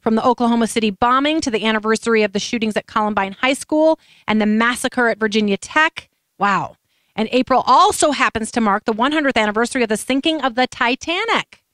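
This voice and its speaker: A woman's voice: on the high side, a little fast, dry recording, clean studio sound. Emotional woman hosting a talk show. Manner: warm-hearted, emotional storytelling with restarts. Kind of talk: casual news chat.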